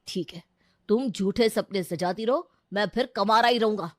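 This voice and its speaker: A woman voicing a sulky, resigned young man in a cartoon who talks in a flat, sullen way. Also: medium pitch, moderate pace, no room sound, studio quality, lightly acted.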